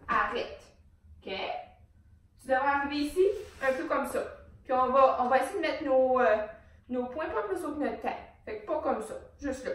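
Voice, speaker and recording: Québécois girl teaching hip hop, counts beats and calls out moves, super echoey, mic far off. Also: high-pitched. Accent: Québécois French. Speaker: dance teacher. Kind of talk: hip hop dance class instruction. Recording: very echoey room, distant mic.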